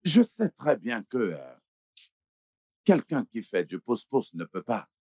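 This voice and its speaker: A doubting, amused father in a dubbed film. His pitch swings widely and he questions his son, in a dry, close recording. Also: a little slow, dry recording. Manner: animated, questioning.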